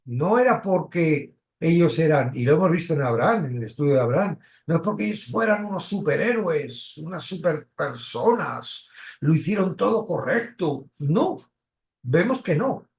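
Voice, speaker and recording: A man's voice: fairly high pitch, sing-song, vocal fry. A man from teaching a Bible study, asking questions and stressing key words. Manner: questioning, emphatic, pauses and restarts.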